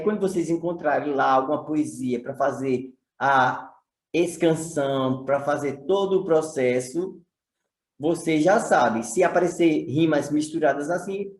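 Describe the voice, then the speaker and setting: A man's voice: fairly high pitch, a little slow, roomy sound. A male teacher from Sergipe, Brazil, with a Brazilian Portuguese accent, explaining a lesson and asking rhetorical questions. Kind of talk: recorded online lesson.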